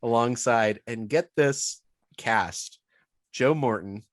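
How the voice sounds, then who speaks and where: A man's voice: medium pitch, slow pace, no echo, clean studio sound. A man co-hosting a podcast, chatting casually, joking and laughing often. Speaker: podcast co-host. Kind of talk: casual chat.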